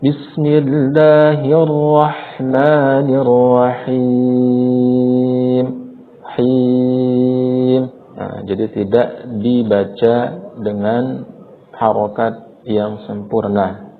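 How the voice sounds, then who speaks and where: A man teaching Quran recitation, patiently explaining mistakes and chanting verses slowly as examples. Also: on the low side, level tone, creaky, big-room sound, faint music behind. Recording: tinny phone-like audio.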